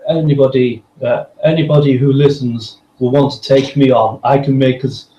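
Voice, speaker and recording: A man's voice: medium pitch, steady tone, normal speed, mellow, echoey room, lightly acted, poor audio. A man putting on an American voice to play a boastful, self-adoring show-off. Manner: bragging, overblown confidence.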